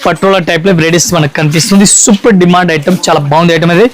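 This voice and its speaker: A man's voice: a little high, fairly even intonation, rapid-fire, rough recording. A man showing sarees in a shop, with a repetitive sales patter. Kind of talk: product showcase pitch.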